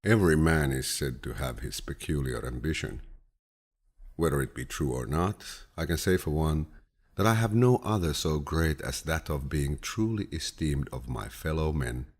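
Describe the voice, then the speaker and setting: Here an audiobook narrator, male, reads quotations at an unhurried pace from a script. The deep, low voice is husky, and the overall manner feels soothing, calm and grandfatherly.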